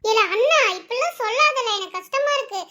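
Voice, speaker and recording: A woman's voice: extremely high pitch, expressive, brisk, pushed and bright, a little hiss or hum, voice pushed up, heavily acted. Woman doing a sweet little cartoon sister. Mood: reassuring. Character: young village girl, sister, sweet and dutiful.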